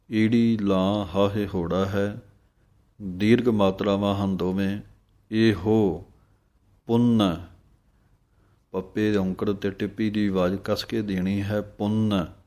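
A man teaching scripture pronunciation, reciting verses slowly and deliberately, then explaining each letter and vowel mark. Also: fairly low pitch, darkish tone. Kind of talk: pronunciation lesson with slow drawn-out recitation.

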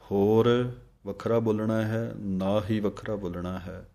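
Slow, deep-voiced man teaching recitation. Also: fairly even intonation, gravelly, dark tone. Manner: recites slowly, then explains quickly. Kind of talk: pronunciation lesson with slow recitation.

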